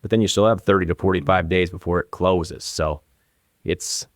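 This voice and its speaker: As an interview guest, a real estate agent in his forties from northern Minnesota talks casually and anecdotally with an Upper Midwestern American accent. His voice is low-pitched and his tone steady, at a moderate pace. The clean studio recording has no echo.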